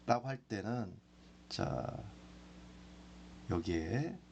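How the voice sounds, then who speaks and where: A man teaches grammar at an unhurried pace, drawing out each example sentence. His voice is gravelly and swings widely in pitch. A faint hiss sits under the recording. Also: very animated, a little mellow. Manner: slow, repeats example sentences with long drawn-out pauses. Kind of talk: classroom grammar lesson.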